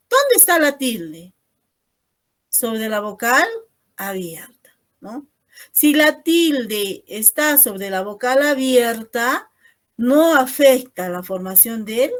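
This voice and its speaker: Lady teacher on a video call, kinda high voice, talks slow and patient, keeps asking "no?". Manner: explains patiently, tags most phrases with a questioning "no?". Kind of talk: online class lecture.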